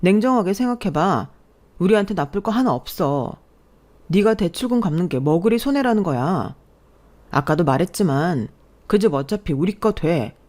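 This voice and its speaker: A woman's voice: lowish voice, lively intonation, moderate pace, darkish tone. A woman voicing a shameless young man, the fiancé, who talks in a condescending, pressuring way.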